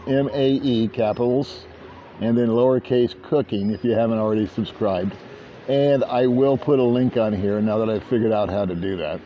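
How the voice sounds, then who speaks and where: An older vlogger rambles to camera at a beach resort in a casual, self-deprecating chat, his voice mid-range. He's recorded on a small handheld camera, so the outdoor audio is dull and lo-fi with slight background noise.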